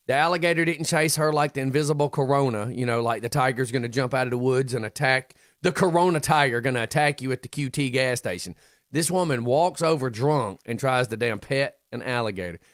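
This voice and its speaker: A man's voice: mid-range voice, fairly bright tone, no echo, studio quality. A man hosting a morning radio show in casual banter, cracking crude, mocking jokes and laughing often.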